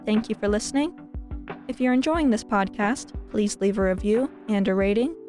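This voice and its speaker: A woman hosts a film podcast, reading her introductions and asking questions with bright enthusiasm. Her voice sits at an average pitch, and soft music plays faintly behind her. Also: animated, normal speed. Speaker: podcast host. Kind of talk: interview podcast.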